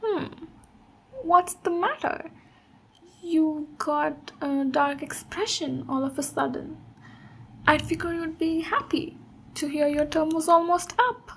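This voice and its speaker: In an intimate ASMR fantasy roleplay, a female voice actor gives a big ogre warrior woman a high, unhurried voice. The character is a gentle, encouraging mentor who takes her time with each phrase and sounds concerned.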